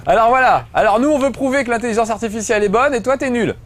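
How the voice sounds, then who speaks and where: A man's voice: very high-pitched, a little fast, fairly bright tone, slight background noise. A middle-aged man giving joking, chatty commentary while playing a video game, swearing casually. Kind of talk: gameplay commentary.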